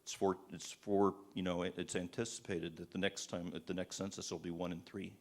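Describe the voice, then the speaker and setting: Man, lowish voice, impassioned sermon-style talk, rhetorical questions, frequent restarts, live audience. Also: little pitch movement, brisk. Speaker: speaker at a church event.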